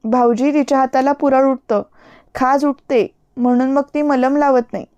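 A woman voicing an affectionate young sister-in-law who coaxes and scolds softly in an audiobook story. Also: sits high, steady tone, moderate pace, dull audio, lightly acted. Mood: coaxing.

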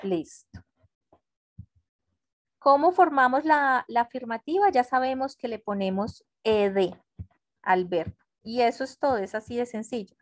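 Brief: woman teacher on a video call, slow patient explainer, mid-pitched, dry close sound. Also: no room sound. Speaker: English teacher. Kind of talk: online class explanation. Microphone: computer mic on a video call.

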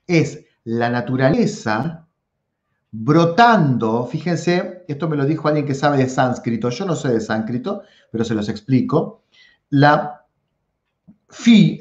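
A man's voice: medium pitch, reverberant, dull audio. A man with a Rioplatense Spanish accent giving an online philosophy lesson, drawing out key words for emphasis and checking in with "¿sí?" and "¿tá?". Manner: animated, drawn-out emphatic stresses, frequent "¿sí?" and "¿tá?" check-ins. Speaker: philosophy teacher. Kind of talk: online lecture.

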